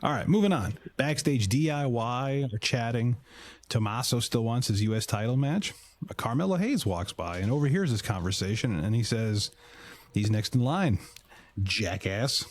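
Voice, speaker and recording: A man's voice: medium pitch, expressive, normal speed, dry recording. A man co-hosting a podcast, recapping shows in a casual, jokey way, often repeating words as he starts sentences. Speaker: podcast co-host.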